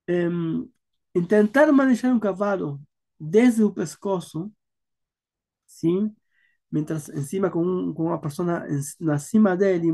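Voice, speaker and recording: A native Spanish speaker giving an explanatory lecture in halting Portuguese mixed with Spanish words, searching for terms. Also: medium pitch, mellow. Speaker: horse-handling instructor.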